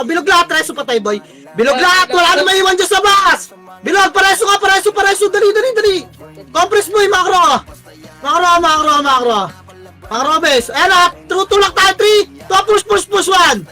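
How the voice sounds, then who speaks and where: High sharp filipino guy yelling calls at his squad, cursing, bit of music under it. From Philippines. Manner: barking rapid commands, swearing often. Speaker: team shotcaller. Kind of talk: live game commentary and team calls.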